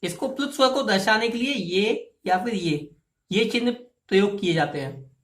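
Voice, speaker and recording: A woman's voice: medium pitch, animated, moderate pace. Patient woman teaching in an echoey room. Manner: patient, explains step by step, repeats key terms and asks students to try sounds aloud. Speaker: Hindi grammar teacher. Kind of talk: classroom lesson.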